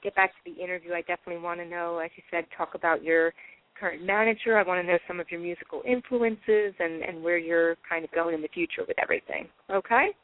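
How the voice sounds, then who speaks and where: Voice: medium pitch, quick pace. A talk show host running a phone-in interview, easygoing and apologetic, full of okays. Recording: tinny phone line.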